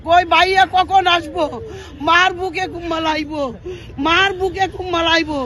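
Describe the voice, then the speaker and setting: Man, loud tearful wailing, extremely high pitch, repetitive pleading lament, outdoor crowd noise. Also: flat delivery, normal speed. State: crying loudly, wailing and sobbing. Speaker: political party worker. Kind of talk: emotional lament and prayer.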